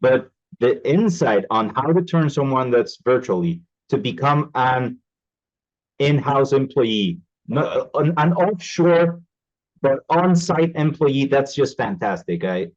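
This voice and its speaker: A man hosting a podcast in casual interview talk, lively and often stopping to search for words. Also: mid-range voice, slow pace. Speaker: podcast host. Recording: dull lo-fi call audio.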